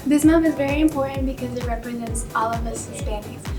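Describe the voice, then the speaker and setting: High-voiced teen girl from Colombia. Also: quick pace, distant mic, over music. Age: teens. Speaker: student presenter. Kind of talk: school news segment.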